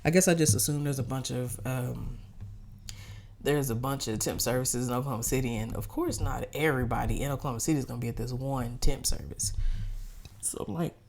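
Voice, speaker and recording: A woman vlogger with a deep, gravelly voice tells a story in casual podcast style. She talks straight to her listeners, swears freely and acts out what others said. A faint noise sits under her voice. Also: fairly quick, darkish tone. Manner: profane, chatty, addresses listeners as y'all; acts out quoted dialogue.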